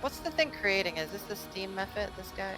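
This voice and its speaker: A woman's voice: mid-range voice, animated, brisk, sharp tone, soft background music. A woman playing in an online tabletop game who chats casually and asks lots of questions about the map. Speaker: player.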